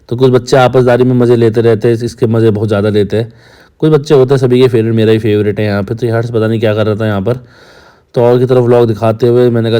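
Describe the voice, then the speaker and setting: A young man with a low, dark, mellow voice narrates his day at his coaching class in a casual vlog voice-over. His delivery stays fairly flat, and he keeps joking and teasing his students. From Uttarakhand. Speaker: coaching teacher and vlogger.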